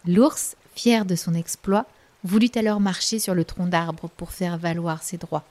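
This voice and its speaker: A woman reads a children's story aloud with a lower, mellow voice. Her narration is gentle and expressive, shaping each sentence for young listeners. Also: a little slow.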